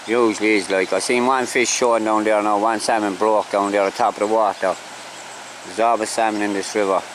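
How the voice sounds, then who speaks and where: An Irish man talks in a fairly low voice, folksy and unhurried in his wording as he addresses viewers. It is casual vlog chat recorded outdoors at a riverside, with clearly audible background noise. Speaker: fishing vlogger. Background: clear outdoor ambience.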